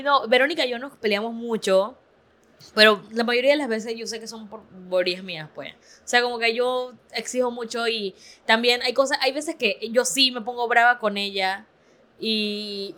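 A woman hosting a casual chat with friends, telling stories about her sister in a lively, chatty way. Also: fairly high pitch, moderate pace. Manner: chatty, animated storytelling. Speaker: podcast host.

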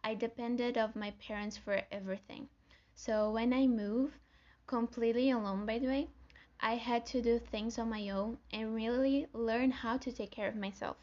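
A young woman from Brazil with a Brazilian Portuguese accent hosts her own solo podcast, earnest and friendly, as if reading from notes. Her fairly high voice is steady and a little mellow, at normal speed. The audio sounds dull.

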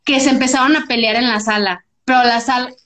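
Animated Mexican woman telling a story. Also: a little high, fast talker. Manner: animated, acts out quoted voices, laughs often. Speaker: podcast co-host. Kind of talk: casual storytelling chat.

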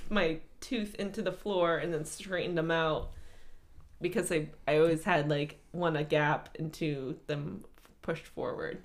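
Chatty giggly woman, slight lisp, kinda low voice. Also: steady tone, a little slow. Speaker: podcast co-host. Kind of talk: casual chat.

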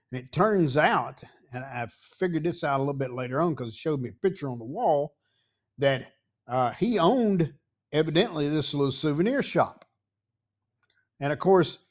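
A man in his sixties or older with a Tennessee accent, a podcast host telling a rambling, folksy story full of pauses and asides. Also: mid-range voice. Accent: Southern US, Tennessee. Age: 60s or older. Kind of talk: casual storytelling.

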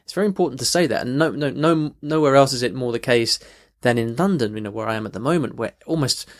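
A London-based language teacher hosts an unscripted podcast lesson, talking fast at medium pitch. He's conversational, often backtracking and rephrasing, with many restarts and frequent "okay" check-ins with the listener.

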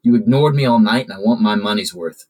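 Man doing a drunk rude boss, pushy, husky, lowish. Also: a little fast, darkish tone.

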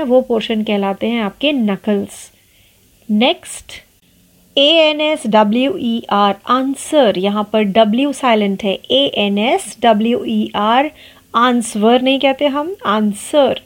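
A woman with an Indian accent teaching English spelling, spelling each word out letter by letter and explaining it in Hindi. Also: fairly high pitch. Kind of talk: slow spelling lesson.

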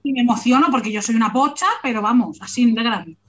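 Animated woman hosting a book chat. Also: a little high, quick pace, muffled recording. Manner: animated, emphatic, playful. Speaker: host of a book club.

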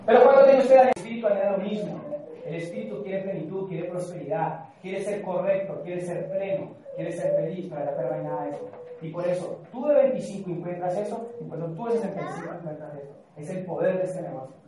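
A man's voice: sits high, fast talker, distant mic, noisy background. A man giving a live motivational talk to a group, emphatic and often asking the audience questions. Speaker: motivational speaker. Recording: echoey hall, off-mic.

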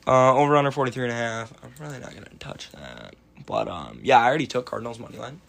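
A man's voice: medium pitch, expressive, fast talker, vocal fry, a bit bright. A young American man hosting a casual sports betting chat, talking like a frat bro with slang, swearing and banter. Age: young adult. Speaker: sports betting podcast host.

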